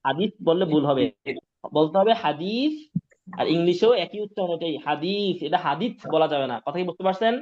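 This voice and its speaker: This Quran teacher has a fairly high, darkish voice with lively intonation, and he speaks fairly quickly during a live online pronunciation lesson. Patiently repeating material, he keeps checking that students follow along; the audio is dull and lo-fi.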